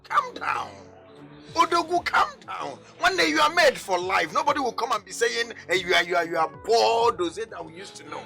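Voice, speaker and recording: A man's voice: high voice, moderate pace, gravelly, full character voice. A man with a Nigerian accent playing a blunt young friend who lectures his crying friend, over background music. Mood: chiding. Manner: lecturing, animated.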